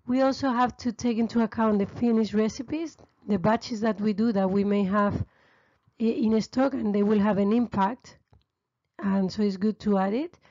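A woman's voice: medium pitch, fairly even intonation, moderate pace, warm tone, dry recording, lo-fi sound. A woman teaching restaurant stock-taking over a screen recording, explaining steadily with frequent fillers. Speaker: restaurant finance tutor. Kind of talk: screen-recorded spreadsheet tutorial.

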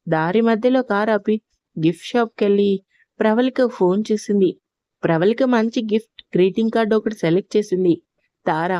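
A woman narrating an audio love story, reading steadily and gently. Her voice is mellow and dark in tone and pitched in an ordinary middle range. The recording is dry and close, with no room sound. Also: no echo.

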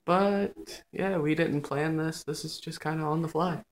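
A man's voice: fairly high pitch, steady tone, unhurried. A young man hosts a casual vlog, talking off the cuff. He is recorded indoors on a phone held out on a selfie stick. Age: young adult. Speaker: vlog host. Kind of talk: casual chat on the fly. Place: small dim room indoors. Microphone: phone on a selfie stick at arm's length.

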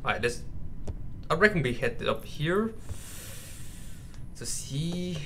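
Slow and fairly high, his bright voice swinging widely in pitch, a man gives casual, jittery commentary on a horror game for his audience. The gaming YouTuber keeps addressing them as bros and mate, with game sounds clearly audible behind him.

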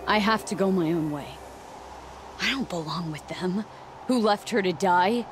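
An actress playing a grieving but resolute young outcast hunter in a video game, solemn and hushed. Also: female voice, on the low side, measured pace, noisy background, natural voice. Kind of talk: dramatic video game acting. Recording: loud music behind. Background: game score music.

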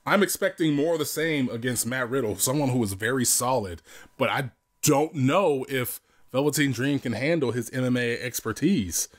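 A man's voice: medium pitch, normal speed. A man co-hosting a casual wrestling predictions podcast, rambling with restarts and casual swearing. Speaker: podcast co-host.

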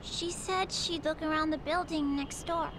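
A woman's voice: high-pitched, steady tone, moderate pace, noisy background, natural voice. A woman voicing a sweet, innocent little girl in a video game dub. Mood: innocent, matter-of-fact. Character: sweet little girl looking for her lost cat. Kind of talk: English game dub acting.

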